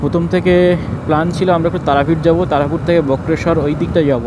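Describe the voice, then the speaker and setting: A man's voice: on the high side, fairly even intonation, fast talker. A man casually narrates a travel vlog, explaining things informally. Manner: informal, explanatory, giving route advice. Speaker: travel vlogger. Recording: noisy outdoor road and vehicle sound.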